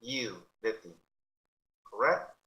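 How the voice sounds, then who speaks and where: Slow, bright-voiced teacher. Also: male voice, mid-range voice, lively intonation. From Mexico. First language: Spanish. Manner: slow, repeats each English phrase then translates it. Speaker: English teacher. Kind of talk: online English grammar lesson for Spanish speakers. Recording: roomy, dull lo-fi sound.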